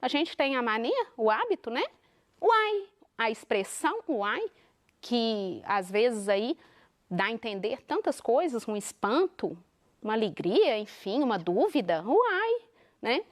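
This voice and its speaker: Lively Minas Gerais woman teacher. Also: on the high side, measured pace. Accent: Minas Gerais Brazilian Portuguese. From Minas Gerais, Brazil. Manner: animated, explanatory, asks rhetorical questions. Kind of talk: televised classroom lesson.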